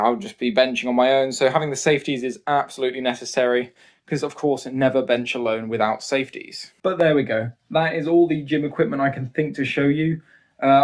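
Young guy filming his bedroom gym on a phone, chatty, rambly, self-deprecating. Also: medium pitch. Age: 20s. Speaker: strongman vlogger. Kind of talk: casual home gym tour. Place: small university bedroom, indoors. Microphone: handheld camera, phone at arm's length.

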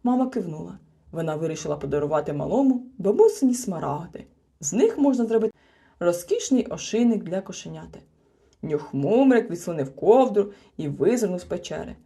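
A woman narrating a children's storybook with an expressive, animated reading. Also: lowish voice, fairly quick, creaky, breathy edge. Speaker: audiobook narrator.

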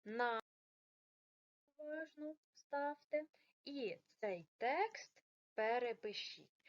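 A woman teaching a recorded primary school lesson for children, slowing down to stress each word carefully. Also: on the high side, darkish tone, highs cut off. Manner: slow, exaggerated stress on words.

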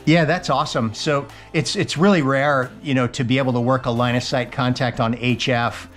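A male ham radio operator and private pilot narrates a casual vlog and chats on the radio from his home radio room. His medium-pitched voice is fairly bright, fairly even and normally paced, upbeat with frequent "uh" fillers. A GoPro camera on the desk records him, with faint music in the background.

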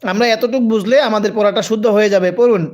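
This man's voice is high-pitched and darkish, racing along with fairly even intonation. In a live Quran reading lesson, he spells out letters and vowels, draws each word out, and has listeners read aloud with him in call-and-repeat.

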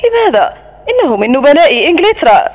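Woman playing a cheerful gossipy girl, gushes excitedly, high bouncy voice, audiobook romance. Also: fairly quick. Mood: gushing. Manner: chatty, excited gushing. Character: gossipy cheerful young sister.

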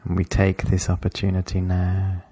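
In a low, husky voice with no echo, a man guides a meditation. He speaks calmly and instructively, measuring his words and leaving long pauses between phrases.

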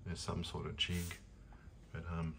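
A man's voice: sits low, completely flat delivery, a little slow, gravelly, fairly bright tone, slight background noise. A man casually showing his kitchen and pantry on a handheld phone, rambling with lots of fillers and restarts. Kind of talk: casual home tour, filmed on phone. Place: home kitchen and pantry, indoors. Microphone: handheld phone camera.

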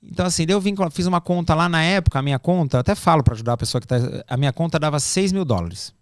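A middle-aged Brazilian man telling stories in a casual podcast chat, animated and acting out quoted dialogue. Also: fairly high pitch, very fast, no room sound, studio quality. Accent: Brazilian Portuguese. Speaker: podcast guest. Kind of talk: casual storytelling.

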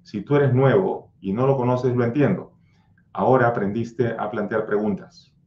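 A man's voice: medium pitch, moderate pace. A man hosting a livestream about anxiety, answering viewer comments in a blunt, scolding, insistent way and drilling repeated mantras. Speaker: anxiety coach and channel host. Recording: roomy, slightly dull sound.

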